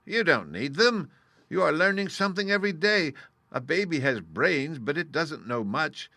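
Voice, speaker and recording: Guy doing a sheepish old fake wizard, bright and crisp, super dry sound. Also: fairly high pitch, expressive, normal speed, no echo, voice pushed up, heavily acted. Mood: confiding. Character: humbug wizard, older man, meek and apologetic.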